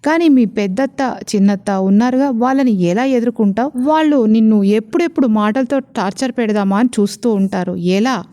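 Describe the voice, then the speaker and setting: A playful young husband from a storybook romance, teasing and lively, pitched fairly high, as a woman narrator voices him. His words come quick and bouncy, with a charming grin behind the banter. His tone stays light and mellow. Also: close to an everyday voice.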